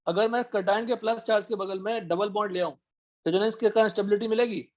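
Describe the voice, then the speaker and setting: A man teaching an online chemistry class, firing quick questions at his students to check they follow. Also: sits high, fairly even intonation. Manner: quizzing students with rapid questions. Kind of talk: online chemistry class, Hindi mixed with English.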